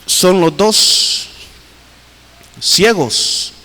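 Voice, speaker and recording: High-pitched pastor guy preaching hard, big echo of a church hall. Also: lively intonation, drawn-out words, sharp tone. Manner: fervent preaching with sweeping pitch swings, repeatedly addressing "hermano". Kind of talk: sermon. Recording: long church reverb.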